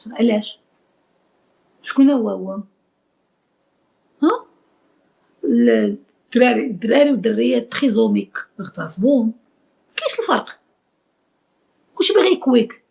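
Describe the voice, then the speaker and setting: Woman, Moroccan accent, live-stream host, blunt scolding lecture, French phrases mixed in, fairly high voice. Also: gravelly, a little mellow.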